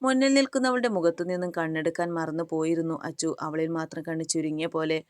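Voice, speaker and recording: A woman narrates a story in a steady, even reading. Her voice sits low. The sound is close and dry. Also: a little fast, no room sound.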